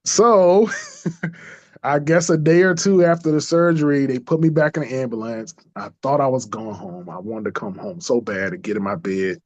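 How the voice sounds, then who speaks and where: Animated man telling a personal story. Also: medium pitch, moderate pace, no room sound. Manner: animated, acts out quoted voices, laughs often. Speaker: interview guest. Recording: dull lo-fi dry sound.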